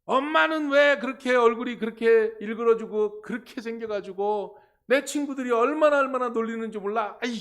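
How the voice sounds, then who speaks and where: A pastor voicing an upset young boy who shouts angrily and whines at his mother in a higher, louder voice. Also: a little fast, few pauses. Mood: angry whining. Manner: angry, whiny shouting.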